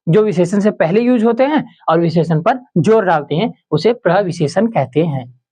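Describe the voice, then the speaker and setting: A man teaching a Hindi grammar lesson for exam preparation, who keeps asking questions and answering them himself, repeating each example and slowing down on key terms. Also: lively intonation, warm tone, breathy edge. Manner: slows down and drops low on key terms.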